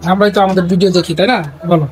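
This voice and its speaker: Young dad vlogging on a train, quick gentle coaxing talk, soft music behind. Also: male voice, sits high, fairly even intonation. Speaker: father and vlogger. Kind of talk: casual family vlog. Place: inside a moving train.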